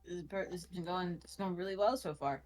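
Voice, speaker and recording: A woman's voice: on the low side, quick pace, darkish tone. A young woman doing chatty, rambling color commentary on a college esports match. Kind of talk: live casual color commentary.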